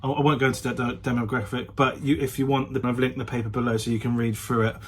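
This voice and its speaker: This man talks fast at medium pitch, fairly even in intonation, with a breathy edge. His casual vlog to camera is chatty and full of hedges and self-corrections.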